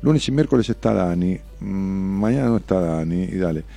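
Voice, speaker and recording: Argentine guy on a radio show, gravelly low voice, mellow dark tone, snarky and swearing a lot. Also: expressive, normal speed, soft background music. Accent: Rioplatense Argentine Spanish. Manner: sarcastic, provocative, swears freely. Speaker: radio host answering listener messages. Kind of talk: blunt on-air commentary reading messages.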